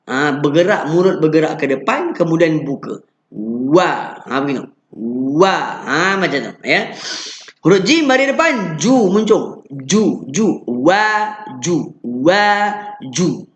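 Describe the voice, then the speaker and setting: A man with a Malaysian Malay accent teaching Quran pronunciation, patiently drilling syllables and chanting verses slowly. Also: fairly high pitch, reverberant. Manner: chants the verse in slow drawn-out recitation.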